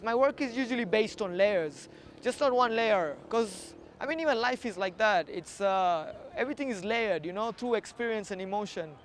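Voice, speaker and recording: This man, a street artist from Kenya, has a high, expressive voice and a moderate pace. During a casual documentary interview and walk-along, he reflects on things and often repeats words for emphasis.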